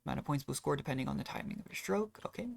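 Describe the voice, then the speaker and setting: Speaking very fast in a gravelly, animated mid-range voice, a streamer offers casual, self-deprecating commentary while playing a video game. Game music runs in the background of this livestream.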